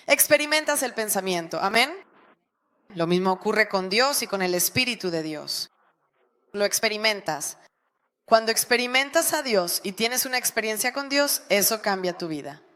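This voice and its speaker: Woman pastor, sermon delivery, animated emphasis, mid-pitched voice.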